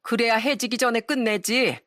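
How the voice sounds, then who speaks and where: A woman's voice: on the high side, moderate pace, a bit bright, no echo, clean studio sound, pitched above the performer's own voice, lightly acted. A woman voicing a bossy older mother-in-law who scolds and belittles her son-in-law in a raised, commanding tone. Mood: scornful bossy.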